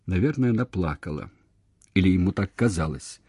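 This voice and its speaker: A man reading literary prose aloud in a quiet, measured, expressive way. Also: deep voice, breathy edge, dry recording, studio quality. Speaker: audiobook reader. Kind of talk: literary narration.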